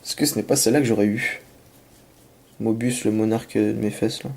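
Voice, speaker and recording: His voice low-ish, brisk and creaky, a man with a cold and sore throat works through card packs on camera. The casual, home-made commentary starts with rambling and apologies and builds to excitement over the cards, recorded by the camera mic.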